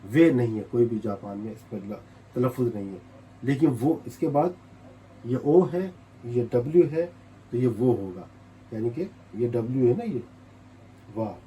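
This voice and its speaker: A man's voice: medium pitch, measured pace, pauses often, warm tone, a little hiss or hum, rough recording. A man from Pakistan with a Pakistani Urdu accent, teaching a step-by-step writing lesson and patiently repeating each sound as he writes. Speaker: language teacher.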